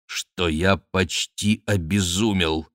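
A man voicing a lovesick young nobleman giving low, quiet instructions. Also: fairly even intonation, slow, dry recording, clean studio sound. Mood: urgent.

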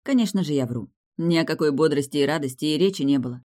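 A woman with a deep voice reads a first-person fantasy novel aloud as an audiobook narrator. Her pace is fast, and her storytelling stays steady and wry.

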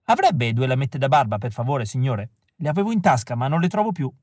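A man's voice: medium pitch, big pitch swings, brisk, darkish tone, dry recording, studio quality. A man doing a frantic pale young hopeful. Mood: desperate. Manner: pleading, breathless and increasingly frantic. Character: pale desperate young male would-be extra.

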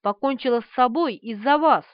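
A woman's voice: high voice, moderate pace, no room sound, close to an everyday voice. A woman voicing a haughty, emphatic young woman in an audiobook. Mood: sorrowful. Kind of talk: audiobook character voice. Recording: slightly dull, dry.

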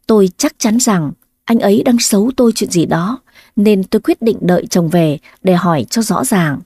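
A woman's voice: mid-range voice, moderate pace, mellow, breathy edge, dry recording, studio quality. A woman narrating a first-person family drama, plaintive and emotional in her own lines. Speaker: storyteller.

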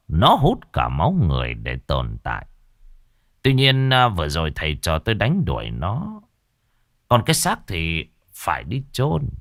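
A man voicing a stern, quick-tempered old male exorcist master who scolds loudly and gives commands in a ghost story. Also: medium pitch, vocal fry, no room sound, studio quality, voice pushed up, full character voice. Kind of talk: audio ghost story narration.

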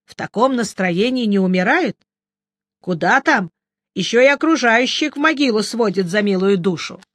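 Here an audiobook narrator reads a first-person script, telling the story in a lively, wry way. The voice is mid-range, and the sound is clean studio audio with no echo.

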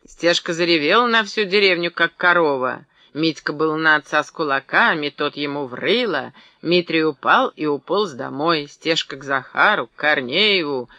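A man doing a loud gloating village gossip. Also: fairly high pitch, no room sound, full character voice. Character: sly spiteful village gossip, middle-aged man.

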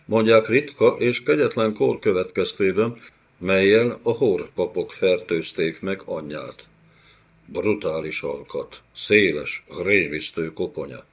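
A man narrating a fantasy novel in a measured, descriptive style, in a dull lo-fi audiobook recording. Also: low voice, breathy edge.

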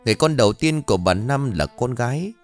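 A man narrating an audio story in a dramatic, expressive reading style. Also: medium pitch, fast, soft background music.

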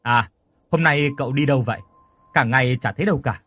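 A man voicing a gruff, secretive older village man who talks bluntly. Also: mid-range voice, fast talker, fairly bright tone. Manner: blunt, questioning, stammers when shaken.

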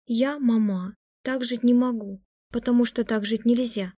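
A woman reading an audiobook gives voice to a detached young woman who talks in a flat, unwilling monotone. The voice sits a little high and sounds mellow, recorded dry and close. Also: measured pace, no room sound. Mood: flat indifferent.

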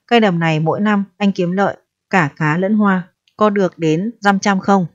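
A woman's voice: medium pitch, normal speed, natural voice. A woman voicing a stern, greedy male district mandarin who speaks in a cold, haughty way. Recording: dry, dull lo-fi recording.

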